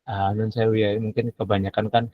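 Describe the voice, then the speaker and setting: A man's voice: lowish voice, a little fast, narrow, tinny audio. A man teacher, speaking politely in casual talk and quoting his pupils. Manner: relaxed, polite, quotes pupils in dialogue. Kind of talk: casual chat in a coaching practice session.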